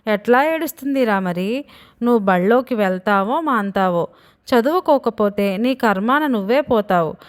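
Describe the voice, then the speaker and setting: A woman's voice: fairly high pitch, lively intonation, normal speed, lightly acted. A storybook father of fifty, stern and fretful, now trapped in his little son's body. He scolds his boy, then worries aloud. A woman narrator reads him in a slightly raised voice close to her own.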